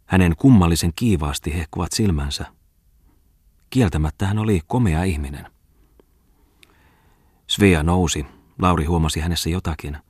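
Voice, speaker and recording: A man's voice: sits low, pauses often, slightly rough, dry recording, clean studio sound. A man reading a novel aloud as an audiobook narrator, voicing the dialogue within his narration. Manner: even literary reading with quoted dialogue. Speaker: audiobook reader. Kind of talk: scripted narration.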